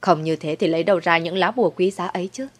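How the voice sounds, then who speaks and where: A woman's voice: fairly low pitch, fast, faint music behind, close to an everyday voice. A woman doing a cruel old sorceress mother-in-law. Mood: contemptuous. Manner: mocking, sweetly cold then shrieking.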